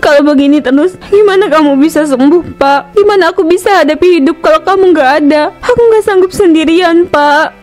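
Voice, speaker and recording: A woman's voice: sits high, normal speed, a little mellow, faint music behind, close to an everyday voice. Woman voicing a worried poor wife. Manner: anxious, pleading, stammering. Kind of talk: cartoon voice acting.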